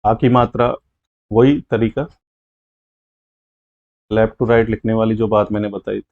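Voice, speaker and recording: A man's voice: fairly low pitch, fairly even intonation, slow pace. Guy teaching a lesson, patient, keeps repeating stuff, kinda muffled lo-fi sound. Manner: patient, repeats key steps. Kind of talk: explaining a lesson.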